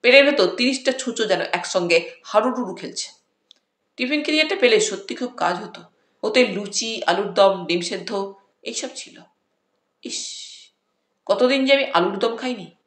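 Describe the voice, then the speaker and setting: A woman narrating a comic audiobook story in the first person, with a lively storytelling manner. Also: mid-range voice, normal speed. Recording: roomy echo.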